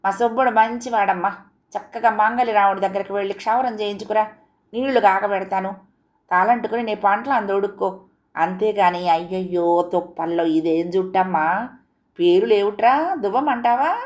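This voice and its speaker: A woman's voice: mid-range voice, normal speed, lo-fi sound, close to an everyday voice. A woman voicing a doting old village grandmother who scolds and coaxes her grandson. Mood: fussing. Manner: scolding, coaxing.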